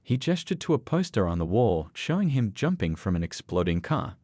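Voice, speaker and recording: Male narrator for a scripted story; low, lively delivery, dry close mic. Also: brisk, no room sound.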